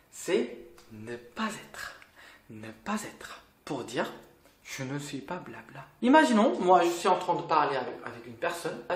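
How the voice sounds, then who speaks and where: A man's voice: on the high side, a bit bright. A man from Korea with a Korean accent, a native Korean speaker, teaching a casual lesson in a chatty, playful way with little laughs. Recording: roomy with faint noise.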